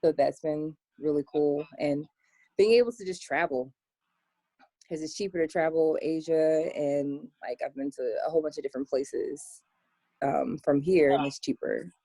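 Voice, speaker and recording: Low, mellow-voiced American woman chatting. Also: moderate pace, dry recording. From United States. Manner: chatty, many "um" and "like" fillers. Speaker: interview guest. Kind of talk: casual interview.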